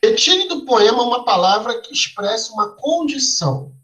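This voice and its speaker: A man's voice: very high voice, lively intonation, normal speed, fairly bright tone, rough recording. A male teacher explaining a lesson step by step to a class, asking them questions and tagging his lines with "né?" and "tá?". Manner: tags lines with "né?" and "tá?".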